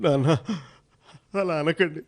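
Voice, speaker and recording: A man's voice: on the high side, steady tone, measured pace. A man playing a remorseful grown son who breaks into sobbing outbursts over his mother. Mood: mournful. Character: remorseful adult son, grief-stricken and frantic.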